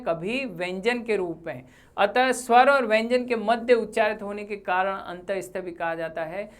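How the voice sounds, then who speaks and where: Woman teacher, slow measured delivery, mid-pitched voice, lesson narrated over slides. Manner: slow, deliberate, spells out sounds with example words. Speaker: Hindi grammar teacher. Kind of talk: exam-prep lesson.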